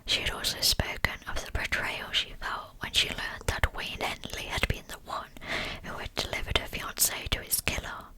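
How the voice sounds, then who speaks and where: A woman whispers the whole way through, breathy and with no voiced tone at all. She reads a scripted true-crime narration in an ASMR style, speaking softly and deliberately and lingering over every phrase.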